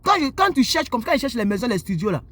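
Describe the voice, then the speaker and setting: Very high-pitched and quick, a man from Côte d'Ivoire sits indoors and lectures his viewers directly in an animated, preachy monologue for his YouTube channel. The recording is dry.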